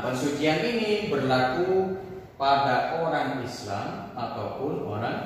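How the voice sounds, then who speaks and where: A man's voice: medium pitch, a little hiss or hum. A man teaching a class in a conversational way, often asking the students questions. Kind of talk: classroom lesson. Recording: echoey room from far off.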